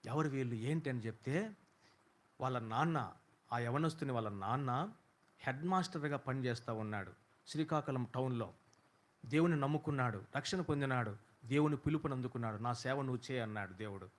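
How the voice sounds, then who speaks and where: A man preaching a sermon, telling a story and building to loud, impassioned questions. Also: medium pitch, a little fast.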